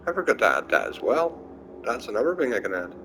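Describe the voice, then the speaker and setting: A man's voice: medium pitch, huge pitch swings, fast talker, sharp tone, a little hiss or hum, low-quality recording. Sleepy man musing over a game. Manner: thinking aloud, trailing off and restarting. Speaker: gameplay streamer. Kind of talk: casual gameplay commentary.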